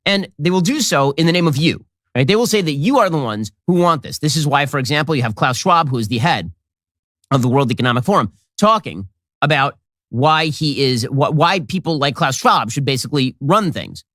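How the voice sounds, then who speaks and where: A sarcastic male commentator delivers a quick monologue. His pitch is on the high side and bounces a lot. The sound is close and dry. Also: expressive, a bit bright, no echo. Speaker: political commentator.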